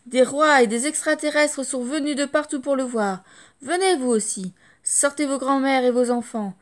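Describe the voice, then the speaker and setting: A woman's voice: high voice, normal speed, voice pushed up, close to an everyday voice. A woman voicing a pompous male circus ringmaster making a grand storybook announcement. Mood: solemn boasting.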